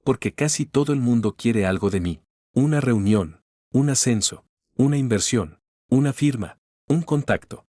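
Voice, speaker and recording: A man's voice: medium pitch, lively intonation, moderate pace, no room sound, clean studio sound, natural voice. A man reading a cool guarded female CEO. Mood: subdued. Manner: terse, quiet, restrained. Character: guarded, cool-headed female company chief executive.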